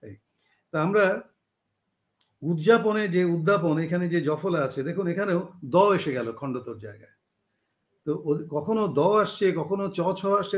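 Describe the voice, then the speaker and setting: A man giving a spoken lecture on spelling and word roots, explaining slowly with frequent pauses and self-corrections. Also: sits high. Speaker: teacher.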